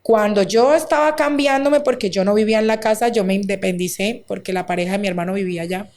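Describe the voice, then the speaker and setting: A woman, a guest recounting a deeply painful personal story, acting out quoted dialogue with many fillers. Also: little pitch movement, fast talker, a little mellow. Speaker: interview guest. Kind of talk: emotional personal testimony.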